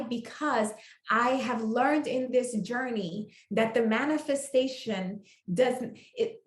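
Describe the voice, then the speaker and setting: A woman podcast guest telling a faith story in an animated, emphatic way, repeating phrases for effect. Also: high voice, echoey room.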